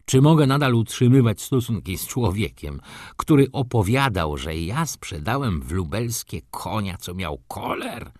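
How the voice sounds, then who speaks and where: A man's voice: lowish voice, sing-song, a little slow, no room sound, studio quality. A man doing a blustering, cursing stable director. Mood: indignant. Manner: swearing, shouting, boastful. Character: irascible blustering male horse-stable director, middle-aged.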